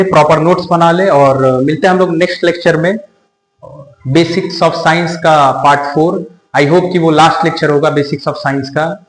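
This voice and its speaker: Casual young male teacher in an echoey room. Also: a little high. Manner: acts out student and teacher dialogue, informal and teasing. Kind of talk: casual Hindi lecture.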